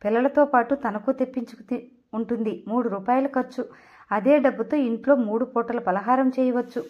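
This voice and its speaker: An audiobook narrator with a fairly high voice reads a novel at a moderate pace, giving every character's dialogue the same plain tone as her own. She occasionally stumbles and corrects herself, and the recording is dull and lo-fi.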